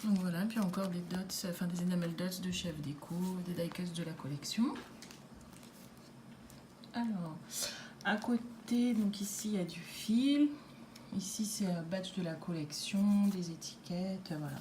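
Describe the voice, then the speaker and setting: A woman presenting a handmade scrapbook album in a casual way, pausing often with fillers and restarts. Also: fairly low pitch, warm tone, a little hiss or hum. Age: adult with a daughter. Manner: hesitant, many fillers and restarts. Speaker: scrapbooking vlogger. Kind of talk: casual craft show-and-tell.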